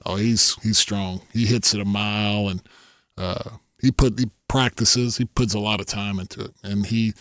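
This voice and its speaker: A man's voice: fairly low pitch, steady tone, normal speed, a bit bright, dry recording, studio quality. A middle-aged man telling golf stories in casual chat, rambling with many restarts, laughing often and acting out what others said.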